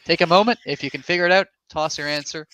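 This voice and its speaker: A man's voice: on the high side, fast, pushed and bright, smooth. A man co-hosting an online event on a video call, presenting casually and enthusiastically to his audience. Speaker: co-host of an online summit, lawyer. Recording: slightly dull, dry video-call audio.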